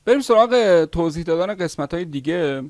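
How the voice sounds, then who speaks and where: A man teaching video editing software step by step in a screen-recorded tutorial, pausing often with "uh" as he explains. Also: on the high side, expressive, no echo, clean studio sound. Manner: step-by-step explaining, with frequent "uh" pauses.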